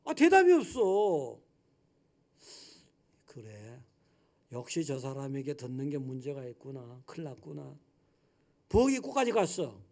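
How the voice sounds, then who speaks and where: A man preaching a Sunday sermon as senior pastor, acting out little scenes and swinging from loud calls to quiet asides. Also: mid-range voice, sing-song, measured pace, creaky, long pauses. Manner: dramatic, swinging from loud shouts to soft asides.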